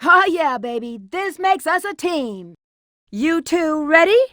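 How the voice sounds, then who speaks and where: Sassy, high-pitched bat girl game heroine. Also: lively intonation, takes it slowly, fairly bright tone, no echo, studio quality, exaggerated voice. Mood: confident, bossy.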